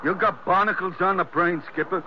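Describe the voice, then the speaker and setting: An actor playing a brash, loyal, slangy sailor in 1940s radio style. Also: male voice, high-pitched, a little fast, natural voice. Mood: blunt. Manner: slangy, blunt. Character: brash, loyal sailor, the skipper's male mate. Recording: muffled, noisy old radio recording.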